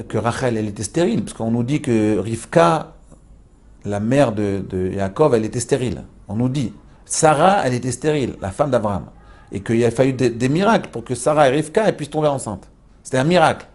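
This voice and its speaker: Gravelly, husky male Torah teacher. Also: mid-range voice, lively intonation, a little fast, a little mellow. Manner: storytelling with rhetorical questions to the listeners; repeats and restarts phrases as he explains. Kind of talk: lively spoken Torah lesson to a class.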